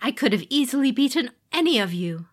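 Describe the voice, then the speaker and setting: A woman voicing a furious, jealous fallen male demigod who shouts bitter accusations in a storybook reading. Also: sits high, expressive, normal speed, voice pushed up. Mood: resentful.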